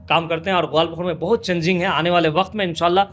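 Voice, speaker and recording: A man's voice: on the high side, fairly even intonation, very fast, a bit bright. A man, a local politician, answering interview questions in impassioned, repetitive rhetorical lists. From West Bengal, India.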